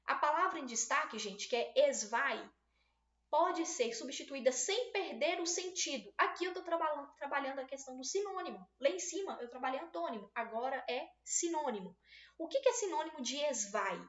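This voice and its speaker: A woman teacher with a high voice leads an exam-prep video lesson. She explains each step patiently and keeps checking that her students follow. The sound is roomy and a little dull. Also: expressive, a little fast, fairly bright tone. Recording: roomy, slightly dull recording.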